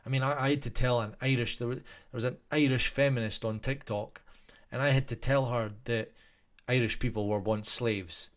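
A man's voice: medium pitch, steady tone, moderate pace. A man with a Scottish accent talking casually to his viewers in a rambling way, full of restarts and fillers. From Scotland.

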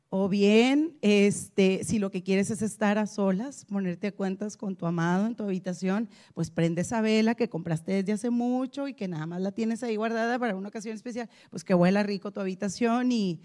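Brief: plainspoken woman, mid-pitched, encouraging listeners in faith. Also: darkish tone. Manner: direct, encouraging, many fillers. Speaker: speaker at a women's church series. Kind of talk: casual devotional talk.

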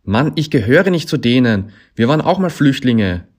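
A man's voice: low voice, little pitch movement, a little fast, dark tone, husky. A man voicing a desperate young man stuck on a climbing wall, muttering awkwardly, then pleading and crying out.

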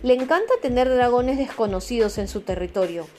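A woman's voice: on the high side, brisk, warm tone, natural voice. A woman voicing a guarded, sarcastic young female dragon in an audiobook, over faint music. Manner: sarcastic, dry, mocking.

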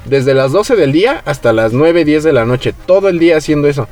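A young man with a Mexican Spanish accent, hosting a podcast and telling a story in relaxed, slangy chat, acting out the voices of people he quotes. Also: a little high, fairly quick, soft background music. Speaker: podcast host.

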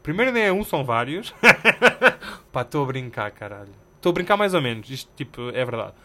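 A young man with a European Portuguese accent, telling a story on his solo podcast in animated, slangy and self-mocking casual chat. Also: medium pitch, a little fast. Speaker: podcast host.

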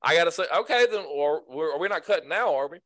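A man's voice: on the high side, animated, fast talker, a bit bright, no echo. A man co-hosting a podcast, teasing his friends and laughing often over a video call. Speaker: podcast co-host. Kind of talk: crude casual banter.

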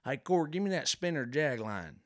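A man's voice: fairly high pitch, very animated, normal speed, no echo, studio quality, pitched above the performer's own voice. A man voicing a mocking male redneck fisherman with a dip in his mouth, taunting and drawling. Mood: barking.

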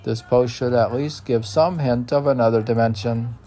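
A poet reads his own work aloud in a warm, steady, medium-pitched voice at a moderate pace. Between lines he mutters and muses to himself, often repeating phrases.

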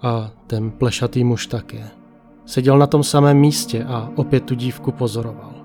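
Male narrator, mellow and measured, reading a ghost story over quiet music. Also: medium pitch, fairly even intonation. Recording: faint music behind.

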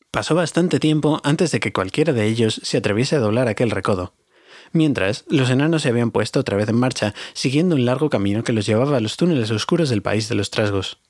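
A man narrates a fantasy tale, now and then turning to speak straight to his listeners. His voice sits at a middle pitch and sounds dry and close to the mic. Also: no echo. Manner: warm, confiding, addresses listeners directly. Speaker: audiobook reader. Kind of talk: storytelling narration.

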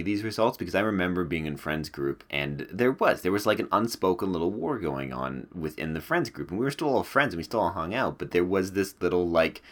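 A man with a very low voice that swings widely in pitch, hosting a casual podcast. He talks in an animated, chatty way and laughs often. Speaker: podcast host. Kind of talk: casual chat.

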